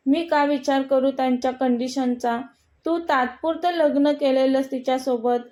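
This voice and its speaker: A blunt, disapproving middle-aged mother in a storybook reading, voiced by a woman. She speaks in a high voice and lays down the law with no hesitation. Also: fairly even intonation, normal speed, warm tone, natural voice. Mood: stern, dismissive. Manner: blunt and unapologetic.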